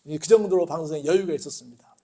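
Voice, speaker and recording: A male pastor delivers a sermon in a church, posing questions for the congregation to answer. His voice is high for a man, and he tells stories in a lively way. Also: very fast. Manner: call-and-response questions, animated storytelling. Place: church sanctuary.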